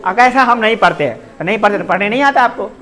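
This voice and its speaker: A male grammar teacher with a bright, forceful voice. He drills vowel sounds aloud and keeps asking questions that he answers himself, in a classroom lesson. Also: sits high, lively intonation, quick pace.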